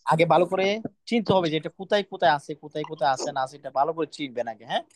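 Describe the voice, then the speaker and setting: Racing along in a voice on the high side, a man runs an online Quran reading lesson. He makes pupils repeat letter sounds over and over and scolds them sternly.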